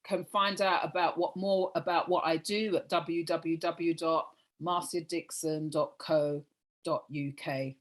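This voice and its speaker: A woman's voice: sits low, steady tone, unhurried. A woman over fifty hosting an online event, speaking informally as she presents and introduces on a video call. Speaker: event host.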